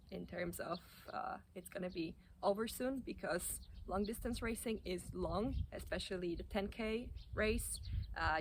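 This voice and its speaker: A woman giving informal running advice in a halting, hesitant way, often restarting her sentences. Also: fairly low pitch, gravelly, a little hiss or hum. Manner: hesitant, halting delivery with repeated self-corrections. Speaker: running coach or athlete giving tips. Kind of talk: informal advice talk to camera.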